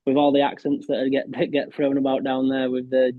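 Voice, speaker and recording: A Yorkshire man who plays darts professionally chats modestly as a podcast guest, restarting often and saying "were" for "was." His mid-range voice is completely flat and fairly quick. The line sounds tinny and phone-like, dry, with no room sound.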